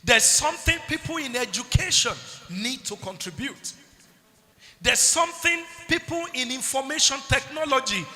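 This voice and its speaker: A man's voice: very high-pitched, sharp tone. A Nigerian man speaking at a conference, asking the audience rhetorical questions and waiting for them to call back the answer. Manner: rhetorical, keeps asking "what?" for the crowd to answer. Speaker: public health speaker at a youth conference. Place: large conference hall. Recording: hall reverb.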